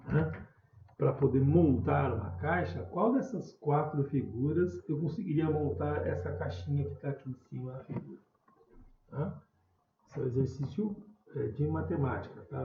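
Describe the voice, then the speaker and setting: Male teacher, patient, drawn-out example words, faint background hiss, muffled sound. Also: medium pitch, gravelly. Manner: patient, repeats words slowly, calls out stressed syllables loudly. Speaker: primary school teacher. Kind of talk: recorded remote class explanation. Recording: roomy, dull home recording.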